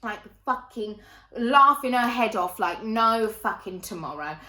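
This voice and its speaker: Bright-voiced young woman. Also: fairly high pitch, measured pace, distant mic. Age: 20s. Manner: animated, swears casually, self-mocking. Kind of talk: casual storytelling monologue. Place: indoors, sitting on the floor. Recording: roomy echo.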